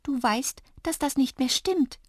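A woman voicing a tiny, kind male ear sprite who speaks gently and giggles. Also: mid-range voice, very animated, moderate pace, no echo, clean studio sound. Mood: tender.

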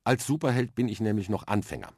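A man's voice: lowish voice, lively intonation, quick pace, a little mellow, slightly rough, dry recording, clean studio sound, voice pushed up. A man voicing an earnest, shy young boy in a children's radio story, a little defensive.

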